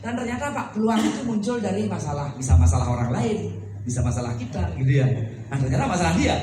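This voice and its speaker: A man from Bali, a lecturer and campus owner, giving a seminar talk to business owners, telling stories with lively acted-out dialogue and jokes. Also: a little high, fast talker. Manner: animated storytelling, acts out dialogue, jokes with the audience. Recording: echoey hall, speaker far from the mic, faint noise.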